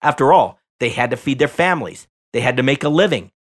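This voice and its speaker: A man hosting a Bible teaching podcast, reading scripture and commentary in a measured, deliberate way with slow, emphatic phrases. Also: medium pitch, expressive.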